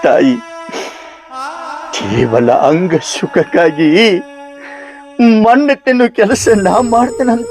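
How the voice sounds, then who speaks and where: A man's voice: very high voice, heavily acted. A man playing a tearful preachy monk. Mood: reproachful. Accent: North Karnataka Kannada. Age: 40s. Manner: slow, weeping, preachy lament. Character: tearful devout male monk guarding his clay pot. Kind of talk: village comedy drama acting.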